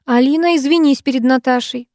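A woman's voice: high voice, brisk, no echo, clean studio sound, natural voice. A woman reading an audiobook aloud, voicing a worried mother who coaxes her teenage daughters. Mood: coaxing. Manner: calm, coaxing, then pleading.

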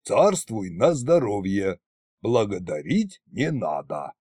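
A man voicing old Koshchei, a gruff, sly deathless king, with a husky, drawling, mocking delivery. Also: fairly low pitch, big pitch swings, slow pace, mellow, dry recording, clean studio sound, pitched below the performer's own voice, heavily acted. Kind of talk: audiobook character voice.

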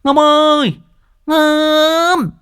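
A woman voicing a loud, brutish middle-aged village woman who bellows threats in lisping, slurred speech. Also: high voice, steady tone, extremely slow, heavily acted. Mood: menacing.

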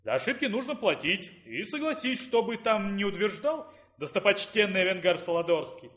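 A man reading the part of an imperturbable rector in an audiobook, speaking calmly and firmly. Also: sits high, moderate pace. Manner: calm, unruffled.

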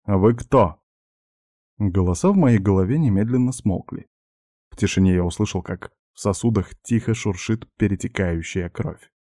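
Guy reading an audiobook, low and warm, dry close sound. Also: normal speed, dry recording. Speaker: audiobook narrator. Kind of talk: scripted first-person narration.

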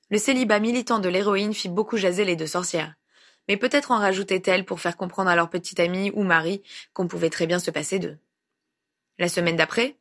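Woman narrator, slightly low voice, even steady audiobook reading. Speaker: reader. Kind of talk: fan fiction audiobook reading.

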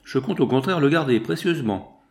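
A man reading aloud, voicing a cunning blackmailer who speaks calmly and mockingly. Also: medium pitch, a little fast, pitched above the performer's own voice, lightly acted. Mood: calm menace. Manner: calm, quietly mocking. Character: cunning, mocking male blackmailer, calm and smooth.

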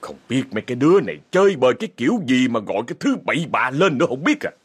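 A man doing a gruff scolding father. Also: medium pitch, sing-song, very fast, pitched above the performer's own voice. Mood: grumbling. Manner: scolding, grumbling. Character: gruff, irritable village father.

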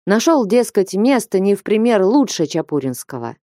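A woman reading the part of a stern older merchant who lectures and commands a young man in slow, weighty warnings. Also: medium pitch, sing-song, warm tone, no room sound, clean studio sound, pitched above the performer's own voice, lightly acted.

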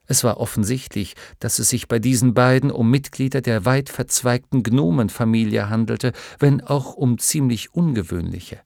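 A man narrating an audiobook in a measured storytelling manner, recorded on a studio microphone. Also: mid-range voice, gravelly, darkish tone, no echo. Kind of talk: scripted narration.

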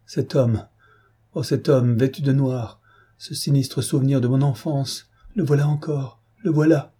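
A man's voice: medium pitch, measured pace, warm tone, husky. A man voicing a frightened, distraught young woman who speaks in breathless, gasping cries in a read-aloud novel. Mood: terrified.

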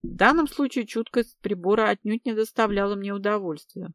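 A woman's voice: mid-range voice, brisk, no room sound, studio quality. A woman reading a first-person audiobook in a wry, ironic manner. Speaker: audiobook narrator.

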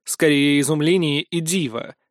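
A man narrating a fantasy audiobook in the first person, with a lively, expressive reading on a close mic. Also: a little high, normal speed, dry recording.

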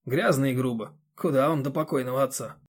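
A man voicing a calm, sardonic old man who speaks quietly and dryly. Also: mid-range voice, fairly quick, lightly acted. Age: older.

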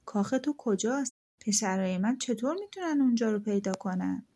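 A woman's voice: medium pitch, animated, warm tone. A woman voicing a poor, weary old man in a storybook tale, speaking in a pleading, resigned way. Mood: resolute.

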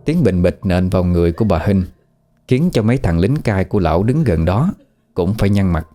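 A man narrating a scripted horror story in a steady, somber way. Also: low-pitched, fairly quick, soft background music.

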